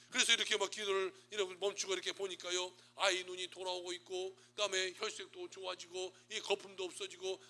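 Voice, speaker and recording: A man, a pastor, preaching a sermon and telling a story dramatically, swinging between loud and hushed delivery. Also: high voice.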